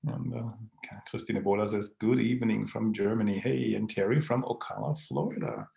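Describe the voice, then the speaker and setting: A man's voice: on the low side, fairly quick, gravelly, warm tone, roomy sound. A man hosting a casual live online Q&A. He reads viewer comments aloud, greets people by name, and chuckles often.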